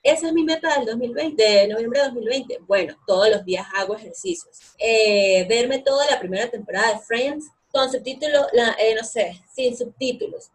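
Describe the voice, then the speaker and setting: Young woman, interview guest, husky, chatty, filler-heavy. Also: on the high side, normal speed, hardly any pauses. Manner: chatty, animated, many fillers. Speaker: guest, English course co-founder. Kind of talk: casual interview answers.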